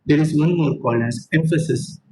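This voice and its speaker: A man's voice: fairly high pitch, a little fast, dark tone, slight background noise, poor audio. A man teaching an online class, explaining points step by step and repeating them, with frequent fillers. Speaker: lecturer.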